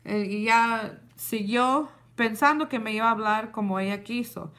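Woman, young adult, casual storytelling, animated, code-switching. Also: a little high, a little slow. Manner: animated, switches between Spanish and English. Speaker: vlogger. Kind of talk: casual storytime to a live audience.

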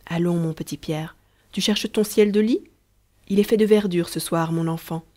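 A woman voicing a gentle, sly young peasant woman who talks soothingly and patiently to a small child in a storybook. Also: fairly low pitch, steady tone, moderate pace, close to an everyday voice. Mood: teasing.

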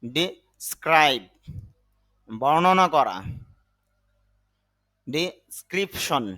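Guy teaching english words real slow, says each one then the meaning, clear bright tone. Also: mid-range voice. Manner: repeats words slowly, then gives the meaning. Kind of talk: slow vocabulary lesson.

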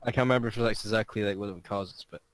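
A man's voice: lowish voice, rapid-fire, no echo. A man cracking crude jokes in casual chat while watching a film with friends. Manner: crude, joking banter. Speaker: reaction video co-host.

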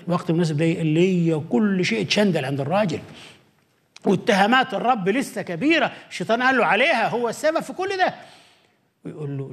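High-voiced Egyptian pastor, dramatic swings. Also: male voice. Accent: Egyptian Arabic. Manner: dramatic, swings between soaring high emphasis and hushed low asides; acts out God's voice answering the doubter. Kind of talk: Bible study sermon.

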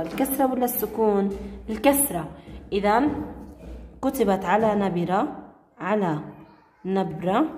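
A woman teacher leads a grammar lesson, calling on pupils by name. She repeats each rule slowly, word by word. Her voice rings in an echoey classroom with a long reverb and faint room noise. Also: medium pitch, a little mellow.

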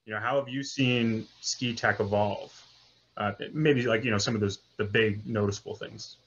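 A man's voice: on the low side, fairly even intonation, moderate pace, a bit bright, husky. Young man asking questions over dull webcam. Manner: hesitant, filler-heavy questions. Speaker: interviewer. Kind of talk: casual video-call interview. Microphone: video call webcam.

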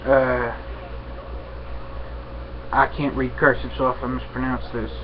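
Young adult man, casual rambling chat, halting delivery, muffled webcam audio, faint background noise. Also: medium pitch, level tone. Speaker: vlogger, pipe smoker. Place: small room at home, indoors.

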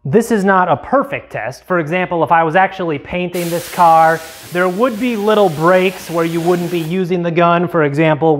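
Methodical man explaining a tool test. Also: fairly high pitch. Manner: plain, methodical, step-by-step explaining. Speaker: tool reviewer, channel host. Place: home garage, indoors. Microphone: clip-on lapel mic.

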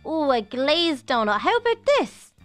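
A woman's voice: high-pitched, very animated, a little slow, a bit bright, soft background music. A young woman narrating a Minecraft role-play in a chatty, motherly way. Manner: chatty and motherly, with gasps and lots of fillers. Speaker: YouTube role-play host.

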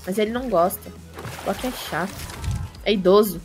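A woman's voice: medium pitch, a little fast. A woman with a Brazilian accent chatting casually and teasingly while she streams a game. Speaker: gaming streamer. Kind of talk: casual live-stream chat while gaming. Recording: music playing behind. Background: music.

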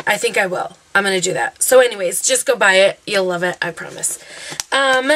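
A woman's voice: medium pitch, sharp tone, slight background noise. A young woman reviewing her favorite beauty products in a chatty, gushing way, full of fillers like "um" and "like". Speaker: beauty vlogger.

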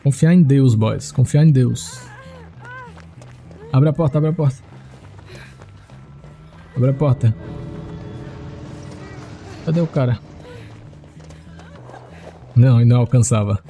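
A man streams a horror game, talking to his viewers and breaking into high-pitched yelps when he panics. His voice is gravelly and dark in tone, with a faint music bed playing under it. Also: takes it slowly, pauses often. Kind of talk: live gameplay commentary.

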